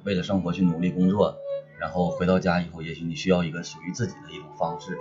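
A middle-aged man with a low voice and a northeastern Chinese accent talks casually and reflectively. He sounds like a livestream guest, and the audio is a bit dull and lo-fi. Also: little pitch movement, quick pace, music in the background.

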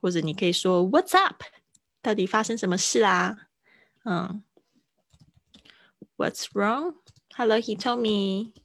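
A woman from Taiwan, teaching English pronunciation in a livestream lesson and repeating phrases slowly. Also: mid-range voice, animated, vocal fry, no echo.

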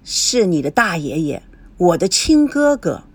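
A woman reading an audiobook, voicing an earnest old grandfather in a lowered voice. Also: very animated, unhurried, breathy edge, exaggerated voice.

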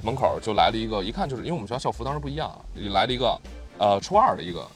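A young man, a podcast guest telling a story in casual chat, animated and laughing often. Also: lowish voice, very fast, faint music behind. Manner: animated, acts out quoted voices, laughs often.

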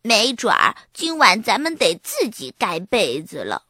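A woman's voice: medium pitch, wildly swooping pitch, a little slow, pushed and bright, breathy edge, no echo, studio quality, full character voice. A woman reading a storybook aloud and voicing a bratty, dramatic little girl with exaggerated, breathless whining.

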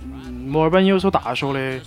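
Fast-talking man with a Sichuan accent. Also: medium pitch, gravelly, soft background music. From Chengdu, China. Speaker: guest who studied in Australia. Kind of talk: casual chat.

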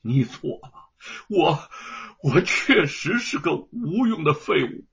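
A heartbroken male scholar cries out through sobs, his voice breaking with bitter self-blame, performed by a male storyteller. The tone is very husky and the pitch swings widely. It is heard on a dull, lo-fi recording. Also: sing-song, slow, a bit bright, exaggerated voice. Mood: anguished. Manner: sobbing, cracking outbursts.

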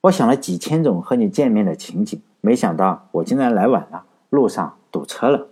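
Storybook role: a man reading a doting young male writer, husky and low, earnest and pleading. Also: expressive, a little fast, darkish tone.

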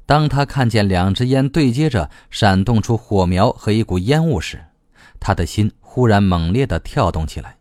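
A man narrating a novel as an audiobook, reading in a lively, expressive way. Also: on the low side, normal speed, no echo, clean studio sound.

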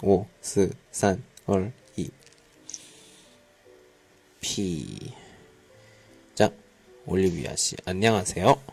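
Faint music plays behind a Korean teacher hosting a live online conversation class, where he mixes in Mandarin and often murmurs short acknowledgments. His low, slightly mellow voice has lively intonation, drawn-out words, vocal fry, a breathy edge and long pauses.

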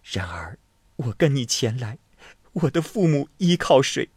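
A man voicing a tearful young princess who pleads softly and then wails at her husband. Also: a little high, expressive, unhurried, slightly rough, dry recording, studio quality, voice pushed up. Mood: pleading. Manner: pleading, soft then wailing.

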